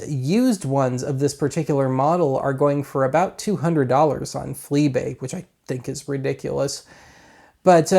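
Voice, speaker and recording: A gravelly, warm, medium-pitched voice belongs to this American-accented host of a hobby video series, a man in his thirties from Colorado. He chats casually through a product review, wry and given to rambling.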